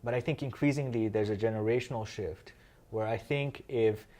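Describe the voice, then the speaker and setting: A man from Kenya, in his thirties, answering interview questions. His voice sits fairly low. He explains things in a measured, unhurried way, with many "um" fillers along the way. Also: a little mellow. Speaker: interview guest, social finance founder.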